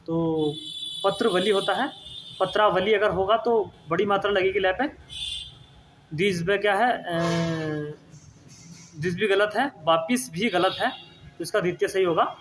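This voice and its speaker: A man's voice: sits high, measured pace, pauses often, fairly bright tone, a little hiss or hum. A man teaching an exam-prep spelling lesson, repeating each word and checking in with his students after every answer. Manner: repeats words, asks and answers, tag "ठीक है ना".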